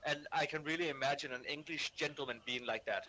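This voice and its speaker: A man in casual gaming chat, teasing and quick-witted. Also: on the high side, sharp tone, slight background noise, low-quality recording. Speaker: gaming friend. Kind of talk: casual chat, edgy jokes.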